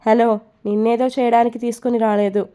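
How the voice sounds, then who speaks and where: A woman voicing a proud, quick-tempered young woman who snaps back indignantly, in a told romance story. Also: a little high, level tone, smooth, natural voice. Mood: angry. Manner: indignant, sharp-tongued.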